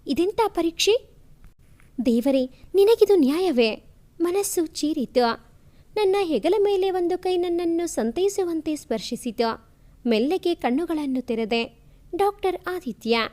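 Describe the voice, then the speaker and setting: A woman with a high voice reads an emotional family story in the first person. Her delivery is heartfelt and dramatic, rising with feeling as the story turns. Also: mellow.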